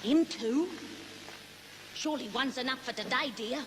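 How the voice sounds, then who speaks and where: A scheming, chatty Cockney pie-shop woman, played by an actress, pitched high. She is brisk and motherly in a theatrical musical style, with clear background noise on the recording. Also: close to an everyday voice. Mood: cheerfully callous. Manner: motherly endearments, practical and brisk. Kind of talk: theatrical stage-musical dialogue.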